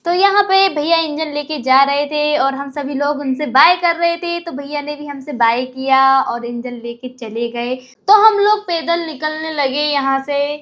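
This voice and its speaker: A young woman narrating her travel vlog as a lively, chatty voice-over. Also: high voice, unhurried, hardly any pauses. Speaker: vlogger.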